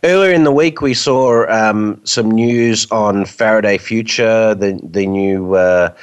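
A man hosting a radio show in a casual, chatty, hesitant way, his voice croaky and hoarse with flu. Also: lowish voice, slow.

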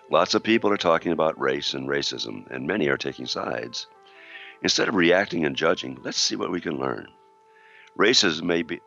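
Co-hosting an internet talk radio show, this man reads a scripted introduction through a sore throat that leaves his voice gravelly and deep. His tone is still fairly bright, though the highs are cut off.

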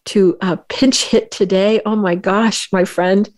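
A woman's voice: medium pitch, fairly even intonation, a little mellow. A woman hosting a talk show, speaking earnestly with frequent restarts and fillers. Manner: earnest, halting, with many restarts. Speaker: radio show host.

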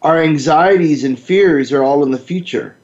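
Calm male host in an echoey room. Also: on the high side, normal speed. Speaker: radio show host. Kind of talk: talk radio monologue. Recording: dull lo-fi sound in an echoey room.

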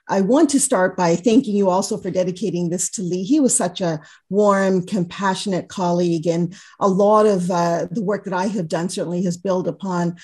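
A woman's voice: lowish voice, normal speed, few pauses, darkish tone, slightly rough. A woman from Canada speaking as an expert guest in a radio interview. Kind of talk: interview conversation.

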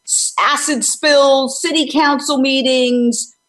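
This woman's high-pitched, slightly bright voice is slow, with fairly even intonation. In her sixties, she is a former news reporter and animal rights activist hosting an interview with energetic, emphatic advocacy. She often poses questions and then answers them herself.

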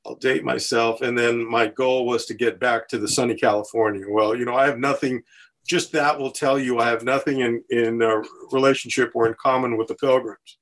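Older man speaking in measured, repeating phrases. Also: mid-range voice, steady tone, a bit bright. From US West Coast. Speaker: podcast guest. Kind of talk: conversational interview.

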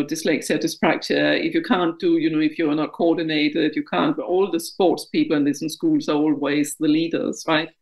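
Here a fiftysomething woman from Denmark, her accent clearly Danish, reflects openly as an interview guest and laughs at her own expense in a candid conversation. Her voice sits low, creaky and slightly mellow, captured on a low-quality recording.

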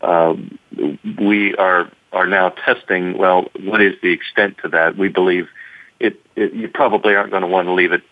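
A man speaks as a company guest in an interview, stopping and restarting often, with "uh" between phrases. His voice is very low and dry. It comes through a thin, phone-like line. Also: steady tone, dry recording. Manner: halting, many repeats and fillers. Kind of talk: interview answers.

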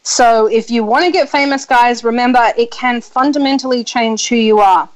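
A woman in her thirties hosting a casual chat, blunt and chatty, swearing freely and filling pauses with ums. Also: a little high, poor audio. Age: 30s. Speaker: podcast host.

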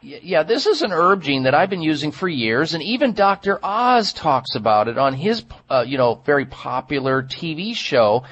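Animated, higher-voiced male health radio host. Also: moderate pace, hardly any pauses, slight background noise. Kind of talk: health advice and host-read product endorsements. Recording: dull lo-fi radio sound.

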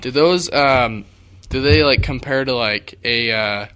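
A teenage boy co-hosting a casual chat show, teasing and excitable, often laughing. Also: mid-range voice, a little slow, clean tone. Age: teens. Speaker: co-host.

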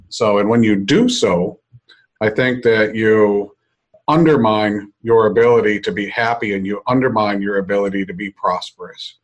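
A middle-aged American man with a fairly low voice hosts an unscripted podcast. He is reflective and deliberate, pausing often as he explains. He is recorded on a meeting room mic in an office conference room. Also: rough recording. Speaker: podcast host.

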